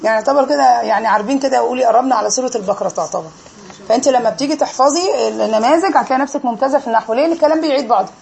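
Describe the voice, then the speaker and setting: A woman's voice: on the high side, racing, gravelly, a little mellow. A woman with an Egyptian accent teaching an Arabic grammar lesson in a classroom, quizzing her students and drilling them on each answer.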